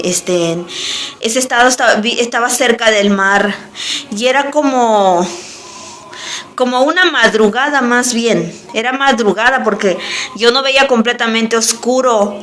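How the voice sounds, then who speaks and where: A woman recounting a religious vision as earnest spoken testimony, halting and repeating herself often. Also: a little high, a bit bright. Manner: repetitive, halting, many restarts.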